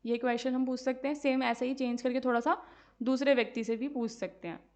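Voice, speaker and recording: A woman's voice: high-pitched, steady tone. A woman teacher explaining exam answers step by step, mixing Hindi and English and often checking with her students. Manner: slowly spells out English sentences word by word while dictating. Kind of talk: exam-prep lesson.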